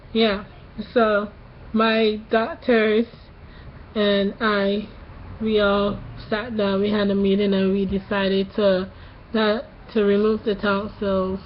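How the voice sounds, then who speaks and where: Slow, halting, tired young woman post-surgery. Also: mid-range voice, highs cut off, a little hiss or hum. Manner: slow, halting delivery with long pauses. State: recovering from tonsil surgery that morning; a little tired. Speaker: vlogger. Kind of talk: casual personal update.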